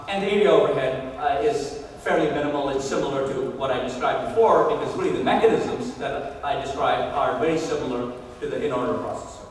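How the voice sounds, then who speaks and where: A man delivers a technical keynote in a large hall, his fairly high voice carrying with heavy, lingering reverb. He speaks in a measured way, often filling pauses with "uh" as he thinks. The sound is picked up from a distance, with a faint room hum underneath. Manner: measured, many "uh" fillers while thinking. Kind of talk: conference keynote lecture. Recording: echoey hall recorded from far off.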